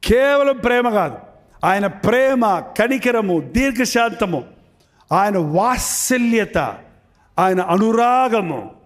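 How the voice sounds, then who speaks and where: A man's voice: high voice, lively intonation, slow pace. A man preaching a sermon, emphatic, repeating phrases and asking the congregation questions.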